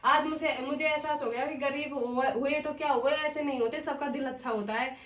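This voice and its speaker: A woman's voice: high voice, steady tone, a little fast, a bit bright. A woman acting a harsh, suspicious rich employer in an amateur skit who scolds and accuses her maid. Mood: apologetic. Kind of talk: amateur Hindi family skit.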